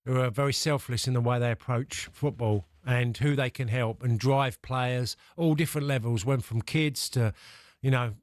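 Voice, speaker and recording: A man working as a pundit, talking reflectively and conversationally, thinking aloud in a halting way. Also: medium pitch, no echo.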